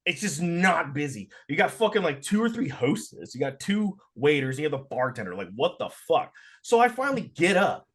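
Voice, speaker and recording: Young man ranting in animated storytelling. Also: on the high side, moderate pace, hardly any pauses. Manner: animated ranting, heavy swearing and filler "like". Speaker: podcast co-host. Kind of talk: casual podcast storytelling.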